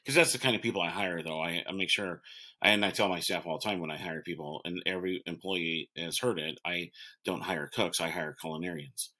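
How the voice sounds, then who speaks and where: A man in his forties with a very low, bright and forceful voice, a chef telling an interviewer about opening restaurants. He rambles, circles back and restarts his sentences, with plenty of fillers along the way. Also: a little fast. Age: 40s. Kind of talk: casual interview.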